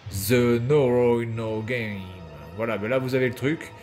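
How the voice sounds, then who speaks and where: A man streams a video game with casual, off-the-cuff commentary. He is sarcastic and crude, swearing freely in an average-pitched voice. Music plays behind him. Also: steady tone, a little slow, a little mellow.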